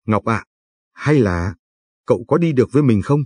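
A man reading the part of a weakened, gentle young man who speaks softly and hesitantly, in an audiobook narration. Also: mid-range voice, expressive, moderate pace, husky, no room sound. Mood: gentle weary. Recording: dry, faint background music.

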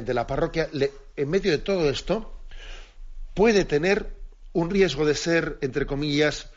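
A priest giving an earnest radio catechism talk, repeating key phrases for emphasis. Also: male voice, on the high side. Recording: dull lo-fi radio broadcast.

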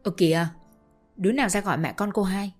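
A woman voicing a commanding middle-aged senior wife in a spoken story, giving brisk orders to the household. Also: medium pitch, faint music behind, close to an everyday voice. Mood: indignant.

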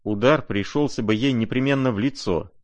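A man narrating a classic novel as an audiobook, in a measured, expressive reading. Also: mid-range voice, dry recording, lo-fi sound.

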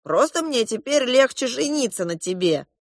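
Woman playing a sly, calm boy prince. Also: a little high, moderate pace, no echo, clean studio sound, voice pushed up.

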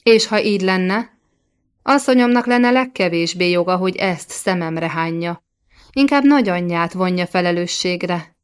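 A woman's voice: mid-range voice, close to an everyday voice. Storybook figure: a testy medieval king, played by a female reader, defensive and barking orders. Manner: irritable, defensive, commanding. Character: angry guilty young medieval French king.

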